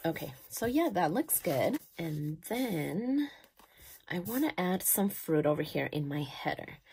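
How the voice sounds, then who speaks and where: A woman in her thirties chatting casually as she decorates her planner, gushing and thinking aloud, sometimes dropping soft. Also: on the low side, very animated, unhurried, slightly rough. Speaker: planner vlogger.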